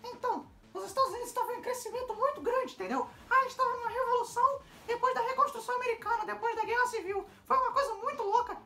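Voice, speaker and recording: A performer voicing an eager, slangy know-it-all pupil with a squeaky voice in a comic educational skit. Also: very fast, vocal fry, few pauses, bright, forceful tone, full character voice. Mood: chatty, enthused. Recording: echoey, noisy room.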